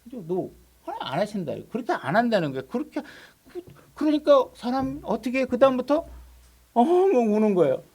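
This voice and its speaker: A man's voice: very high-pitched, big pitch swings, a little fast, slightly rough. A male pastor preaching a sermon. He is emphatic, repeats his questions, and acts out people's prayers and God's replies in a casual voice.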